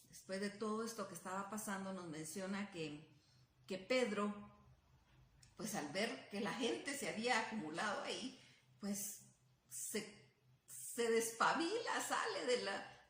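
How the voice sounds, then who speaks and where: A woman's voice: mid-range voice, fairly bright tone. A woman preaching a sermon in Spanish, retelling scripture with dramatic questions and rising emphasis. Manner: storytelling, dramatizes the disciples' questions. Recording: echoey room.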